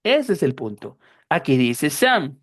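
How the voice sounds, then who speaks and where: A woman teaching a class, explaining slowly and patiently, often repeating herself and checking that her students follow. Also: deep voice, sing-song, no echo, studio quality. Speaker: English teacher.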